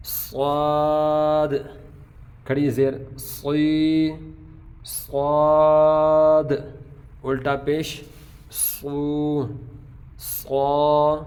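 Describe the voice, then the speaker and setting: A man with a Pakistani Urdu accent teaching a tajweed lesson, stretching out each letter name slowly, then explaining in quick bursts. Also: mid-range voice. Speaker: Quran recitation teacher.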